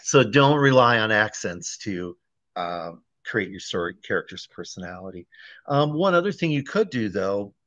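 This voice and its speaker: A low-voiced man from Wisconsin, USA, a guest editor and author, explains writing craft in a relaxed conversational interview, often checking in with "right?". The recording is dry and lo-fi.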